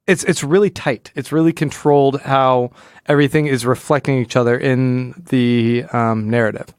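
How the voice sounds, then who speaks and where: A man's voice: medium pitch, steady tone, normal speed, smooth, no echo, clean studio sound. A man co-hosting a podcast, talking casually and analytically, often rephrasing himself as he explains. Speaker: podcast co-host.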